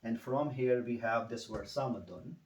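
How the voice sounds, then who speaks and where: A man teaching one student, patient and unhurried, often repeating each word slowly. He sits back from the mic in a roomy space, so his voice carries a clear echo. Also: mid-range voice, darkish tone, recorded from a distance, a little hiss or hum. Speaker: Quran recitation teacher. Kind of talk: one-on-one tutoring.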